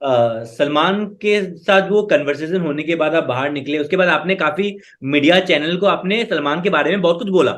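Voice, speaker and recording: A man interviewing a guest, asking calm, probing questions. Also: a little high, normal speed, hardly any pauses.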